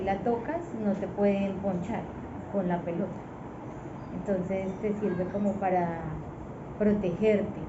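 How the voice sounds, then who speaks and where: Calm woman. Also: mid-range voice. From Bogotá, Colombia. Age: 40s. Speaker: interviewee, mother. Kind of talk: casual interview answers. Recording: echoey room, muffled, noisy.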